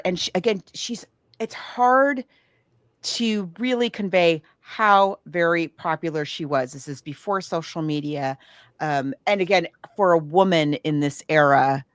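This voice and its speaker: Here a woman with a fairly low voice co-hosts a podcast, wandering through a casual chat about books and films as she thinks aloud. The recording is dry and studio quality.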